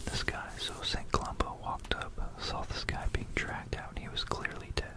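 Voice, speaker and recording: Whispering close to a binaural microphone, an ASMR host gives a rambling, informal history narration in a breathy, unvoiced voice. The delivery is halting and musing, with repeated phrases.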